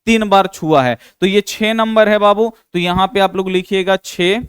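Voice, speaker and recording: High, crisp male math teacher. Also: moderate pace, no echo, clean studio sound. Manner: patient and repetitive, calls students "babu". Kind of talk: explaining a class 10 math exercise.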